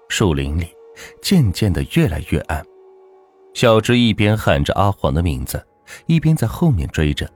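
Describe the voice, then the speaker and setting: Low, husky male ghost-story narrator.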